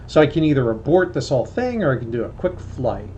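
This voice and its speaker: A man's voice: a little high, a little mellow. A man speaks through a cockpit headset mic in a small propeller plane. His voice comes through slightly muffled, with a faint hum of engine noise behind it. He thinks aloud in a hesitant, self-deprecating way. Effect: heard through a cockpit headset intercom. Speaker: student pilot flying a small plane. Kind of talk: casual vlog narration mixed with radio calls. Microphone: aviation headset mic.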